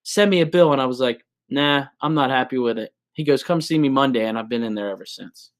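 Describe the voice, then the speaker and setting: A man's voice: mid-range voice, a little fast. A man hosting a casual live show, swapping work stories with a guest. He talks at an easy pace and circles back on his words as he goes. His voice sits in a middling range. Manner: storytelling, relaxed, lots of restarts. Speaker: host.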